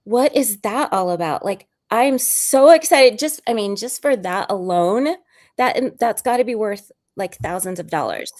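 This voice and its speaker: A woman hosting a casual interview on a video call, gushing with praise and firing off quick questions. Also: mid-range voice, animated, darkish tone. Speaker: host.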